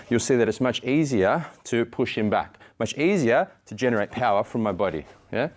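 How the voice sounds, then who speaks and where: Male martial arts instructor, thirties, slightly low voice, explains techniques step by step in a demonstration. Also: darkish tone. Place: indoor training studio. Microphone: lapel mic.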